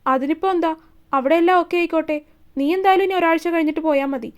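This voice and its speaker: A brusque young man, curt and scolding yet protective, as a woman reads him aloud. The voice stays high and light for a man. He clips his words short and hard. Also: fast. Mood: firm.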